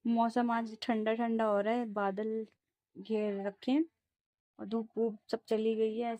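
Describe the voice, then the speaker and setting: A woman's voice: fairly high pitch, little pitch movement, unhurried, dark tone, no room sound. A young woman, a mother, talking casually to her viewers at home about her baby's nights, now and then cooing to the child. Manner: soothing sing-song coaxing to her baby. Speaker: mother vlogging her day. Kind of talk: casual home vlog talk.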